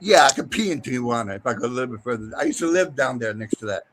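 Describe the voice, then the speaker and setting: A man's voice: mid-range voice, animated, quick pace, a crowd in the background. A man chatting casually in a group, talking in a rambling, insistent way. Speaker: military veteran.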